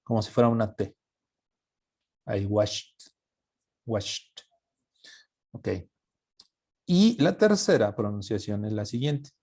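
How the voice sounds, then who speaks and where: A man teaching an English grammar lesson, joking with his students and sounding out English words slowly. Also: mid-range voice, very animated, a little mellow. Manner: spells out English pronunciation slowly.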